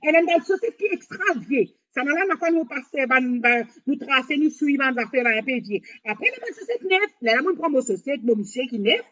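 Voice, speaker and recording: A woman hosting a live stream, talking in a rambling monologue with halting, repetitive, broken phrasing. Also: sits high, expressive, a bit bright. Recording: dull lo-fi sound.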